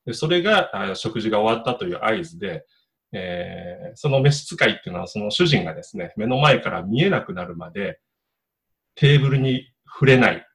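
A middle-aged man preaching a sermon in a relaxed, conversational way, with frequent fillers and self-corrections. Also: fairly low pitch, normal speed. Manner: conversational, many fillers and restarts. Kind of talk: casual sermon.

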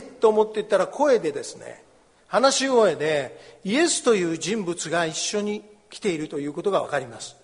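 High-voiced pastor preaching in a reverberant hall. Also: male voice. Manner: explains scripture, acts out the beggar's and crowd's cries. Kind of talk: sermon.

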